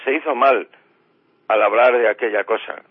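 A man's voice: mid-range voice, moderate pace, breathy edge, no echo. A man explaining grammar patiently on a radio show, using everyday examples. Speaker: language expert guest. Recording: tinny phone line.

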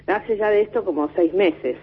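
A woman's voice: mid-range voice, moderate pace, a little hiss or hum. A woman calling in over the phone to a radio show, explaining a complaint in a rambling, hesitant way. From Spain. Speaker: radio caller. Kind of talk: phoning in a complaint. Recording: tinny phone line on radio.

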